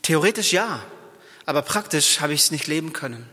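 Guy preaching, high bright voice, tells the bible stories super casual, big echoey church sound. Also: moderate pace. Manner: lively storytelling, retells Bible scenes in everyday words. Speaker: pastor. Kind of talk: sermon.

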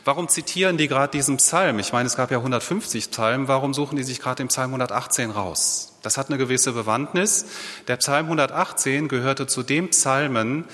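A man's voice: mid-range voice, pushed and bright. A man giving a sermon in a conversational preaching manner, asking rhetorical questions. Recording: long reverb of a large hall.

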